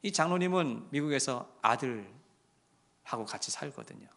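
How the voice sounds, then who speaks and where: A male pastor telling a story in his sermon, dropping to a hush and then rising loud and impassioned. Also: mid-range voice, lively intonation, measured pace. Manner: swings from hushed to loud and impassioned.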